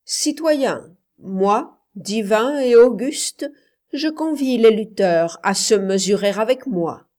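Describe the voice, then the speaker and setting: A woman's voice: on the high side, animated, slow, darkish tone. A woman reading aloud, voicing a pompous young male emperor in a solemn, raised declamation. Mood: proclaiming.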